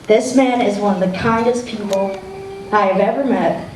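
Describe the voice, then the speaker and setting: A woman's voice: mid-range voice, moderate pace, darkish tone. A young woman giving an emotional wedding toast as the best friend, laughing often and close to tears. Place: wedding reception room. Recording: echoey room, distant mic, faint noise.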